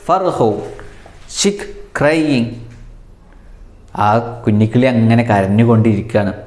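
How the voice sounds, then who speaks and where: A man's voice: medium pitch, a little mellow. A man teaching a children's language lesson, telling a story and imitating animal sounds for the class to repeat. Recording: echoey room.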